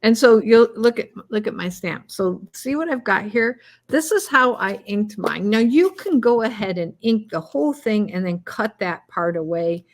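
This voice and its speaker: Chatty woman with gravelly fry. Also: medium pitch, animated, moderate pace, few pauses. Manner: chatty, rambling, self-deprecating. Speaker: cardmaking co-host. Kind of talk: casual crafting demonstration.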